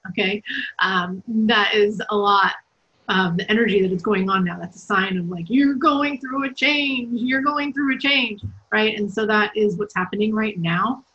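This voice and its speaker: A woman hosts a live spiritual question-and-answer reading over a video call, talking at a medium pitch. She speaks in a loose, chatty way and giggles easily. She often tags her points with "right?" or "okay?". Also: fairly bright tone, muffled recording. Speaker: spiritual reader and host.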